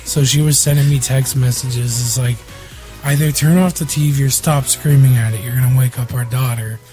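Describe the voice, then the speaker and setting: A man's voice: medium pitch, steady tone, moderate pace, warm tone, faint music behind. A young man with a strained voice from illness, co-hosting a casual chat and telling stories in a rambling, profane way. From Iowa. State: sick, strained voice. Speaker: podcast co-host.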